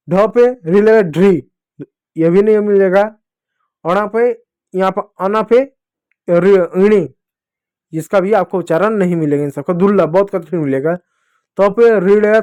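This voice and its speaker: A man teaching young children to read, speaking slowly and repeating each syllable for them to say after him. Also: high-pitched, darkish tone. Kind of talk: Hindi reading lesson for children.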